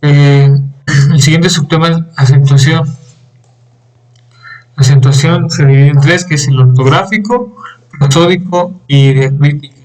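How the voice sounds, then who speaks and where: Young male student, slightly higher voice, halting class presentation with fillers. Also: a little mellow, rough recording. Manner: halting, with fillers and throat clearing.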